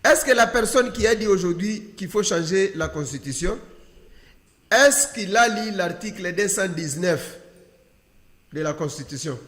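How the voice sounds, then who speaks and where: A man with a Congolese accent, guesting on a political panel, makes his points didactically and emphatically through rhetorical questions. His expressive voice sits high with a fairly bright tone and a measured pace. Long reverb from an echoey, hall-like room colors the recording.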